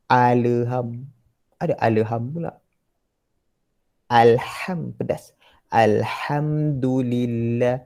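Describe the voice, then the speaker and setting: A man with a Malaysian Malay accent teaching Quran recitation in an online class, patiently correcting students line by line and modeling slow recitation. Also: medium pitch, vocal fry, a little mellow.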